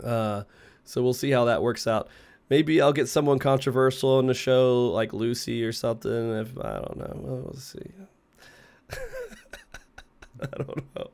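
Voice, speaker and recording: Congested man hosting, casual and clear. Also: medium pitch, steady tone, a little slow, pauses often, a little mellow. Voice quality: congested, stuffy nose from being sick. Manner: laid-back, sweary, laughs often. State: sick with a cold. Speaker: host of a gaming talk show. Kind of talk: casual chat. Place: remote online group call, streamed.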